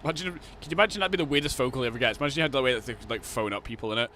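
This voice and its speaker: A man's voice: mid-range voice, racing, pushed and bright, a little hiss or hum. A young Scottish man from Glasgow chatting casually on a live game stream, rambling, swearing heavily and laughing often. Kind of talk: casual live-stream chat while gaming.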